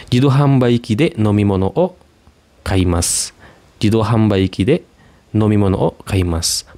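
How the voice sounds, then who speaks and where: A man teaching Japanese words in a casual lesson, saying each example sentence twice and repeating translations slowly. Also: sits low. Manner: relaxed, reads example sentences twice, slow clear repeats.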